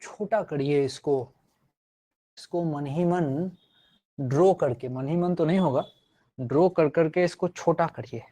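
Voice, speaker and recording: A man's voice: fairly high pitch, unhurried, long pauses, warm tone. A man teaching physics in a live online class, repeating phrases and encouraging his students.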